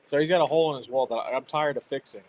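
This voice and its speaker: A man in his thirties hosting a casual chat, telling parenting stories in an animated way. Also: medium pitch, rapid-fire, a little hiss or hum. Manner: animated storytelling with laughs. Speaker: host.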